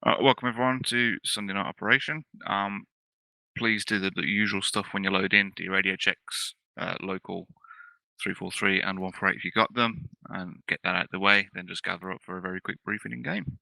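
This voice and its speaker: A man's voice: sits low, fairly even intonation, fairly quick, gravelly, sharp tone, no room sound, poor audio. A man leading an online game operation, speaking in clipped military-style radio procedure over voice chat.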